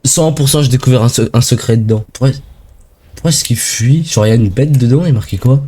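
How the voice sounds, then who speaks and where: A young man from France giving casual, excitable let's-play commentary full of slang as he plays a shooter game. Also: mid-range voice, fast talker, husky. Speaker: gaming video creator.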